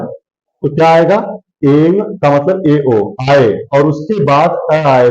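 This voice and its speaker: A man teaches a grammar lesson at a very slow, deliberate pace, repeating each word and answering his own questions. His voice sits a little high for a man. The recording sounds dull and lo-fi. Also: dark tone.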